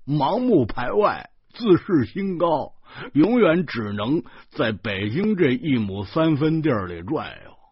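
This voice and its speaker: A stammering, puffed-up braggart in his thirties, as a man with a Beijing accent puts him on in an audiobook, tripping over every word. His voice swings high and lively, a little husky, on a dull lo-fi recording. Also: takes it slowly, no echo, heavily acted. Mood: boastful stammer. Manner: stutters constantly, boastful.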